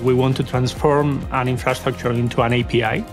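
A man's voice: mid-range voice, little pitch movement, fairly quick. A man executive making earnest, confident statements in a corporate promo interview. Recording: promo video with music bed.

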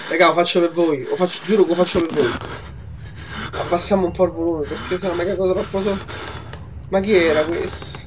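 A man's voice: high-pitched, fairly even intonation, fairly quick, noisy background. A young man, giving horror let's play commentary, muttering to himself, swearing and yelping in fright. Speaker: gaming channel host.

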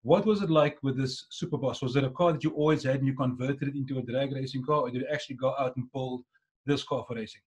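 Husky South African man hosting a podcast. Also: medium pitch, fast. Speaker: podcast host. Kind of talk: casual interview chat. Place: dim indoor room, video call.

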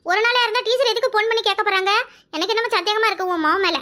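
A woman's voice: very high-pitched, very fast, sharp tone. A woman voicing a suspicious, confiding village mother, with a Kanyakumari Tamil accent.

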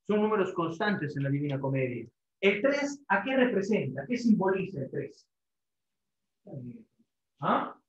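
Male teacher, slightly high voice, lecturing a class; repeats himself, rhetorical tags, lots of fillers; roomy, muffled lo-fi recording. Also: sing-song, measured pace, pauses often, slight background noise. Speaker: literature teacher. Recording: echoey classroom, dull lo-fi sound.

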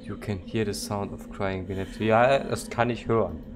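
A gaming YouTuber doing let's-play commentary, joking and talking back to the game, and haltingly reading English text aloud. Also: male voice, lowish voice, steady tone. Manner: joking, talks to the game and its monster. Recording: loud background noise.

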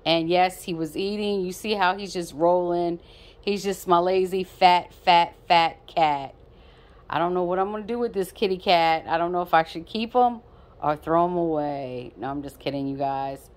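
A woman's voice: fairly low pitch, moderate pace. A woman casually vlogging her pet cat at home on a phone, playful and repetitive as she talks fondly to him.

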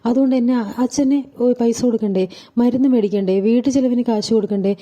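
A proud, stubborn young man who washes cars for a living, voiced by a woman telling the story. The delivery is rapid and the tone very dark and mellow. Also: a little high, close to an everyday voice. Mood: soothing.

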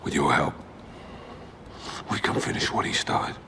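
An actor playing a gruff, wry, middle-aged British special forces captain in a video game, speaking in a clipped, authoritative way. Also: male voice, unhurried, noisy background, lightly acted. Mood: low, persuasive. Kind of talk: video game cinematic acting. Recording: loud music bed behind dialogue.

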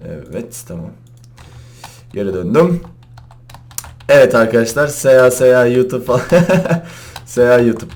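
A young man gives casual commentary while playing a parkour game at his computer. His voice swings widely in pitch, from low muttering to loud yells. Keyboard clicks come through behind him. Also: a little slow, long pauses. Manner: excitable, shouting and laughing at jumps. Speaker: gaming YouTuber.

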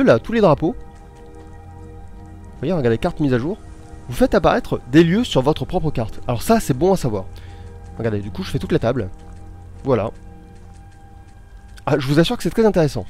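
Guy rambling over his gameplay, chatty and joking, soft music underneath. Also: mid-range voice. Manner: chatty, jokey, addresses viewers directly. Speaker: let's play host. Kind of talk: casual gameplay commentary.

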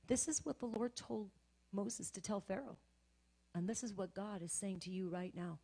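A middle-aged woman pastor preaching a sermon, swinging between loud, shouted exhortation and quiet, hushed storytelling. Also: mid-range voice, moderate pace, breathy edge.

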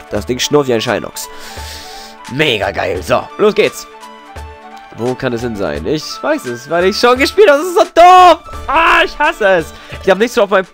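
A young man with a sore, hoarse throat, giving jokey gaming commentary full of wordplay. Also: medium pitch. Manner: animated, jokey, slips into wordplay. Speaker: let's player.

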